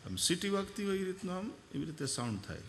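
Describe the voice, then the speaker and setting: A man's voice: high voice, sing-song, fast talker, slight background noise. A man with a Saurashtra Gujarati accent giving a devotional discourse, telling stories, imitating sounds and breaking into song. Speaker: Bhagavata Katha preacher. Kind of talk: devotional discourse with sung bhajan. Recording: hall reverb with faint music.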